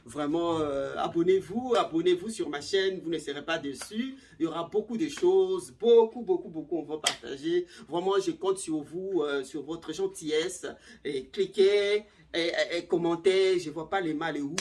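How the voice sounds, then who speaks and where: A middle-aged woman giving casual relationship advice to camera, animated, acting out little scenes and repeating words. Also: on the low side, moderate pace, few pauses, a little hiss or hum.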